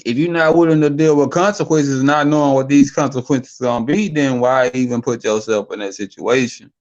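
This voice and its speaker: A man's voice: mid-range voice, a little fast, darkish tone. Young man, casual debate, rambling, repeats words, dull lo-fi mic. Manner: loose, rambling, repeats words when thinking. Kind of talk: casual debate over mics.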